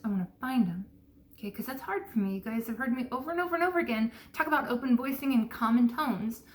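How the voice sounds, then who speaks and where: A woman's voice: on the high side, darkish tone, a little hiss or hum. A woman chatting casually and thinking aloud in a piano practice vlog, her articulation slightly impeded by dental braces. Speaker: video blogger learning jazz piano. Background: piano playing at times.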